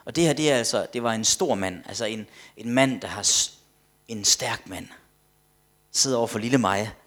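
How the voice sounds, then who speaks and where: A man delivers a fervent sermon in a husky, slightly breathy voice. His delivery swings from loud, ringing declarations down to soft, hushed asides. He often repeats words as he builds toward each point. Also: lowish voice. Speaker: preacher.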